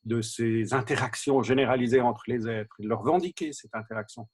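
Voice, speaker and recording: Philosophy teacher, male, husky voice, mid pitch, halting reflective delivery. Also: a little mellow. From Switzerland. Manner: hesitant, thinking aloud with restarts and repetitions. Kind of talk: reflective spoken talk.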